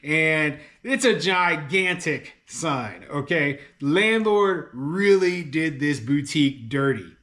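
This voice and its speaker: A man who owns rental homes talks through a news story in a loose, chatty way. He leans on fillers like "you know" and "okay" and laughs often. His voice sits a little high, and he turns openly exasperated as he gives his opinions. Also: animated, slow, hardly any pauses, fairly bright tone. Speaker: landlord and real estate commentator. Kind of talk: casual commentary reading a news article.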